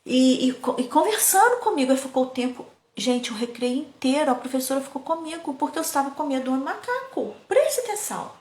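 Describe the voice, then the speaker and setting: A woman, a parenting educator telling childhood stories in a lively, casual way, often turning to her audience. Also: high-pitched, fast talker, few pauses. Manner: lively, keeps addressing the audience. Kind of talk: casual storytelling talk. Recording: echoey room.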